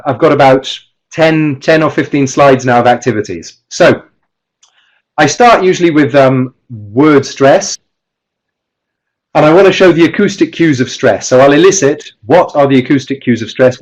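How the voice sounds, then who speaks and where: A man's voice: medium pitch, low-quality recording. A man giving a live webinar talk as a teacher trainer through a computer mic. He explains step by step, often restarts his sentences and stresses his example words. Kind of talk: live online presentation. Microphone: computer mic with webcam.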